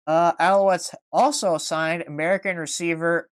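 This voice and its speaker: A man's voice: on the high side, fairly even intonation, normal speed, clear, resonant tone, no room sound. A man hosting a casual sports podcast, reading through news items and then riffing on them. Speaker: podcast host.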